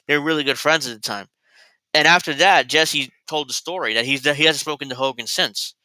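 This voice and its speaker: A host in his thirties runs a casual commentary show, speaking briskly at a fairly high pitch. His voice is very bright and tense yet smooth and crisp, and he rambles, digresses, and restarts sentences often. The audio is close and dry with no room echo.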